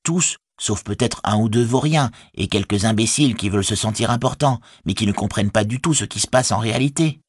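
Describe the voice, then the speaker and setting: A man's voice: on the low side, a little fast, few pauses, breathy edge, dry recording, clean studio sound, pitched above the performer's own voice. A man doing an urgent, commanding young hobbit. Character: bold young male hobbit rallying his people. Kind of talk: audiobook reading.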